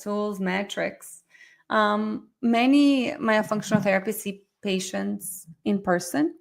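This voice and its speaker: A middle-aged woman lecturing in a quick, conversational way. Her voice has a gravelly fry at the ends of phrases. She keeps checking in with her listeners as she teaches. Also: mid-range voice. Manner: fast, chatty, addresses audience directly. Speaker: myofunctional therapy instructor. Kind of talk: live online webinar lecture.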